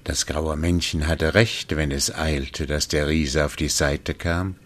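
Deep, slow male fairy-tale reader. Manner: slow, deliberate and expressive. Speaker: storyteller. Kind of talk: reading a fairy tale aloud.

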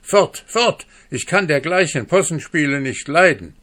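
Man doing shrill scolding market woman Hanne. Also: lively intonation, a little slow, fairly bright tone. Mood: furious. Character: angry middle-aged market woman, shrill and scornful.

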